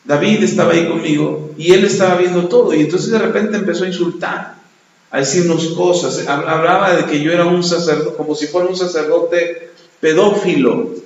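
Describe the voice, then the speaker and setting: A man's voice: fairly high pitch, fairly even intonation, moderate pace, lo-fi sound. Man preaching in an echoey church hall. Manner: storytelling, acts out both sides of dialogue. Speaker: pastor. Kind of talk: sermon with retold anecdote.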